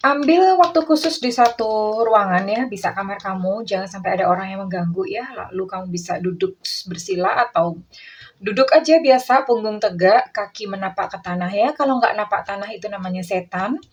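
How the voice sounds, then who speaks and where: A woman giving a tarot reading who calls herself Bunda and calls the listener darling, guiding a relaxation exercise in a soft, coaxing way that repeats words. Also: mid-range voice, normal speed, rough recording. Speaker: tarot reader.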